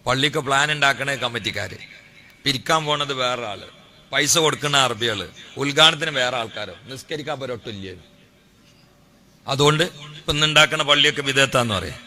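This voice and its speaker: A man preaching a sermon, firing off rhetorical questions and building to loud, drawn-out exhortations. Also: a little high.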